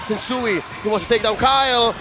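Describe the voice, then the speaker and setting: A man working as an esports caster, calling a live game in dramatic, clipped phrases with excited delivery. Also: very high voice, brisk.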